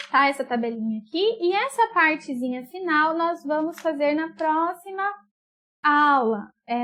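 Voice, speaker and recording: Woman teacher, high bright voice, slow and patient, drags out words, checks that the pupils follow. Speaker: school teacher. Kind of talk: remote class explanation.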